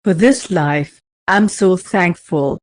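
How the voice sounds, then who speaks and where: A woman voicing a gravely ill young father in a read-aloud story, speaking softly and shakily. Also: on the low side, lively intonation, slow, dry recording. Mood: tearful. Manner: soft, shaky, tearful delivery.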